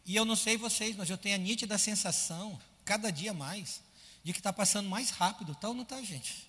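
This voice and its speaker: A man preaching a sermon as pastor, animated, firing rhetorical questions at his congregation and acting out his listeners' complaints. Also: high-pitched, husky, big-room sound.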